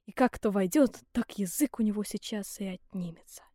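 A woman reading a fairy tale aloud in a lively, theatrical storytelling manner. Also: mid-range voice, normal speed, no echo, clean studio sound. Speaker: storybook reader.

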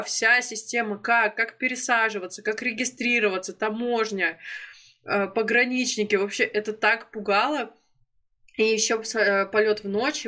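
In a relaxed vlog, a twenty-something woman from Russia shares a travel story of her own with a medium-pitched, fairly bright voice. Her storytelling is chatty, peppered with fillers and self-corrections, and she laughs from time to time.

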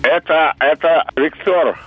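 A man's voice: on the high side, faint music behind. A man calling in to a radio show over the phone, speaking in a squeezed, strained voice and stumbling over his words. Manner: halting, repeats words. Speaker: radio caller. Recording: dull lo-fi phone line.

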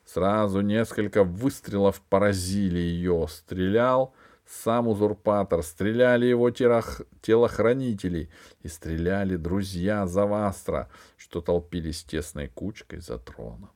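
A man's voice: low voice, measured pace, a little mellow. A man reading a children's sci-fi audiobook in a dramatic storytelling manner. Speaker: audiobook reader. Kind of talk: scripted narration.

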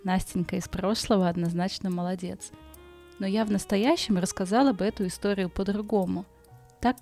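A woman's voice: mid-range voice, warm tone. A woman podcast host with a burred, impeded r, telling a story informally for bedtime listening in a chatty, colloquial way, with asides. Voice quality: non-rolled, burred r sound (speech impediment). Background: background music.

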